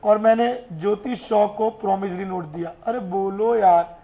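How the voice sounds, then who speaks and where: A man teaching a class in a lively way, often urging his students to answer and mixing English terms into his speech. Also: sits high, a little slow. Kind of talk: classroom lecture.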